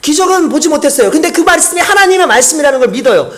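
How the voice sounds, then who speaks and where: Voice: sits high, lively intonation, racing. A pastor preaching a sermon in a conversational, storytelling way, with frequent rhetorical questions to the congregation.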